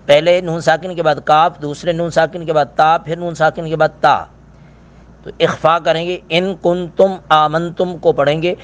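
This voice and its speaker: Teaching recitation, a middle-aged man speaks in a fairly high voice, first stating each pronunciation rule plainly and steadily, then chanting the verse slowly and stretching out the sounds. The recording sounds muffled.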